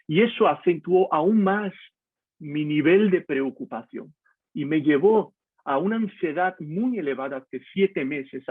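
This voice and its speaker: Speaking frankly to his listeners, this pastor from Brazil delivers a personal devotional from home via video call. He sounds on the high side and breathy, with no echo, over thin, phone-like call audio.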